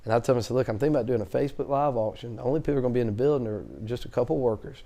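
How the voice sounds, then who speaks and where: Fast-talking man, dark voice. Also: mid-range voice. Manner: fast-talking, chatty, animated storyteller. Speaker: auctioneer, guest. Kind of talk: casual interview storytelling.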